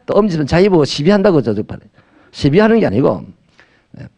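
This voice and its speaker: Lively gravelly Gyeongsang pastor preaching. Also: male voice, fairly high pitch, fast. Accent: Gyeongsang Korean. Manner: lively, humorous preaching with acted-out dialogue. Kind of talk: sermon.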